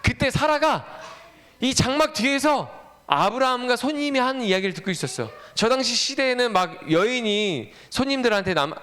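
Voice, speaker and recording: A man's voice: very high-pitched, lively intonation, moderate pace, fairly bright tone. A man giving a children's sermon, telling a Bible story animatedly and quizzing the kids with questions. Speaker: children's ministry preacher.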